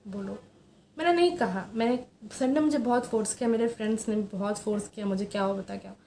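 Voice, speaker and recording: A young woman sits at home and talks straight to her viewers, her fairly high voice soft and hesitant, full of pauses and fillers. The room gives her voice a noticeable echo. A faint hiss runs underneath. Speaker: vlogger. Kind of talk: personal confessional vlog.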